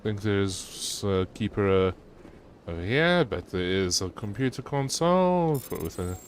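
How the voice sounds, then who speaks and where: Male game streamer, lowish and unhurried, muttering casual commentary with swooping intonation. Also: sing-song, slight background noise.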